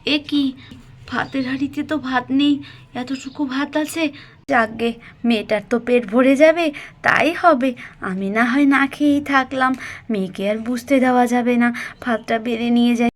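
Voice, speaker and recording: A woman's voice: high-pitched, moderate pace, a bit bright. A woman voicing a poor, self-sacrificing young village mother who speaks emotionally and tenderly to her daughter.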